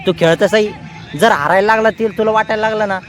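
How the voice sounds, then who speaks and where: A man's voice: high voice, steady tone, a little fast, soft background music. A man, giving chatty, teasing vlog commentary outdoors. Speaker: vlogger.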